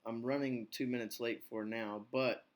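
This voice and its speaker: Man, English teacher, podcast host, relaxed, reassuring, mid pitch. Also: normal speed. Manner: relaxed, reassuring, rambling with fillers. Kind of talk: casual chat.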